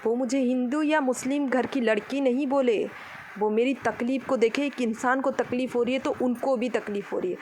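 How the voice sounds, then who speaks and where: A woman's voice: on the high side, fairly even intonation, moderate pace, a little mellow, a little hiss or hum, rough recording. A young woman from Odisha, talking outdoors to the camera in an impassioned vlog, indignant and scolding as she preaches to her critics. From Odisha, India. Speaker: vlogger.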